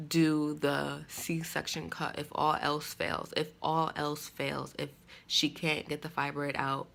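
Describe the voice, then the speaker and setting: Low gravelly-voiced young woman vlogging. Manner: candid, storytelling, animated when quoting others. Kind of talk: casual vlog talk.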